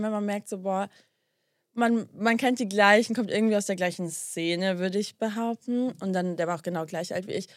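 A young woman with a lowish voice, captured in a dry, studio-quality recording, casually tells her co-host a story. She acts out both sides of the dialogue and drops English slang as she talks.

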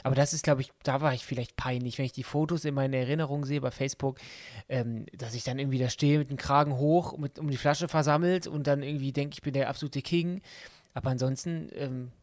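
A man's voice: medium pitch, fairly even intonation, quick pace, darkish tone, no echo, clean studio sound. A man in his thirties co-hosting a casual podcast, telling stories in a chatty way. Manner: chatty storyteller, reads listener stories aloud. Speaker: podcast co-host.

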